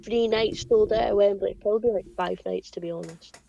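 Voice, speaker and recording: A young woman, chatting casually as a podcast co-host, full of "like" and quick asides. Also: medium pitch, gravelly, mellow. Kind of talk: casual chat. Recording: dry, dull home podcast audio.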